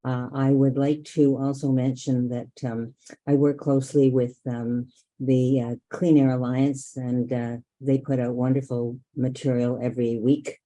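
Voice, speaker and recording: A woman activist introduces herself on a video call, rambling with pauses. Her voice is very dark and mellow. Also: extremely low pitch, flat delivery. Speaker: activist guest.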